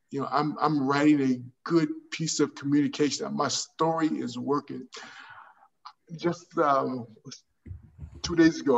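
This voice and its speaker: Older man telling stories on a video call. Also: fairly high pitch. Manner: animated, repeats words while searching for phrasing. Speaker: artist panelist. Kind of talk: video call panel discussion. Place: home room with framed pictures. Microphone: video call webcam. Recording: distant, dull webcam audio.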